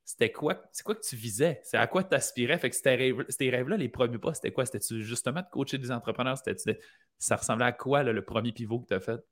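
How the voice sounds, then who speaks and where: Quebec guy hosting, mid-pitch voice, reflective, circles around his questions. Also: fast talker, fairly bright tone. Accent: Quebec French. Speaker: podcast host. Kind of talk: conversational interview.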